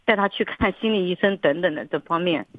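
A woman's voice: on the low side, fast, dry recording. Woman caller, earnest, rambling, repetitive, tinny phone-line sound. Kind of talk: radio call-in counseling.

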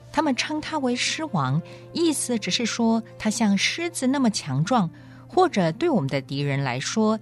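A woman voicing a proud, pompous male talking warhorse who lectures like a know-it-all. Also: on the low side.

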